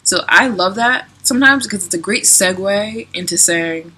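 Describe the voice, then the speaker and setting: Young woman in her twenties, bright crisp tone, chatty vlogger who laughs easily. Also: medium pitch, normal speed. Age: 20s. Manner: chatty, giggly, lots of "like" and "um". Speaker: travel vlogger. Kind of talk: casual Q&A vlog.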